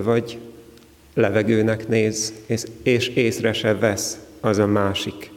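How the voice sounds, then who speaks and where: A man delivers a sermon in a slow, reflective, carefully measured way, leaving long pauses between his short phrases. His voice sits low with a gravelly edge and stays fairly level in pitch. The sound carries a long reverb from a large hall. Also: a little mellow. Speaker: preacher.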